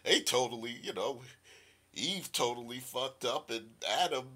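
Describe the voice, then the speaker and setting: A middle-aged man hosts a loose livestream with a bright, forward tone. He rambles off on tangents, swears easily and laughs at his own corny jokes. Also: medium pitch, normal speed. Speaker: science channel host. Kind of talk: casual livestream talk.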